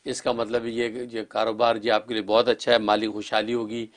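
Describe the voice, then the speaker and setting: A man interpreting callers' dreams on a religious call-in show, calm and advising in a set, formulaic way. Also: lowish voice.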